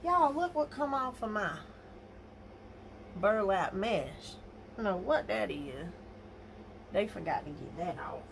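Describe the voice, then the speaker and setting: Lady hosting a craft livestream, slow easy folksy chatter, talks right to the viewers. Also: mid-range voice, lively intonation, creaky, slight background noise. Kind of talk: casual live chat while crafting.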